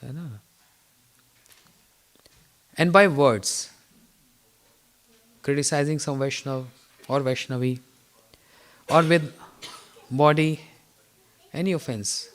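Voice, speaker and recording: A man giving an informal morning spiritual lecture, telling stories with chuckles and throat clearing. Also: a little high, slow pace, pauses often, a bit bright. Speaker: spiritual teacher.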